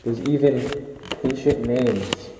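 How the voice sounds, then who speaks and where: A man's voice: mid-range voice, slow pace, background noise. A young man exploring an abandoned hospital, giving casual, awed, speculative commentary as he walks through with a camera while wearing a respirator mask. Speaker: urban explorer. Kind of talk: casual guided walkthrough. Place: large abandoned hospital, indoors. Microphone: camera-mounted mic, wearing a respirator mask. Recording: echoey empty halls.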